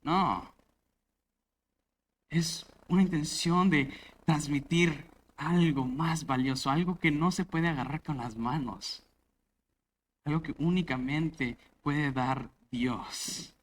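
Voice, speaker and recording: Male pastor, slightly high voice, emphatic sermon delivery with loud peaks and soft drops. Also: takes it slowly, slight background noise. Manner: emphatic, rising to loud stresses and dropping to soft asides. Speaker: preacher. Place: church.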